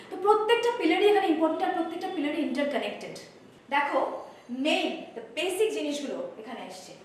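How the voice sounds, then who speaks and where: A Bengali-accented woman teacher lays out her spoken English course step by step, switching between Bengali and English. Her voice sits high and lands from a distance in a very echoey room. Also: slight background noise. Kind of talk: course introduction lesson. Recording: roomy echo, voice from far off.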